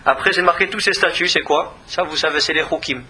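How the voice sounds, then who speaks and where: A man's voice: fairly high pitch, a little fast, sharp tone, a little hiss or hum. A man giving a religious Torah lesson in an earnest manner, often repeating words as he searches for the next one. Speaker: rabbi teaching Torah.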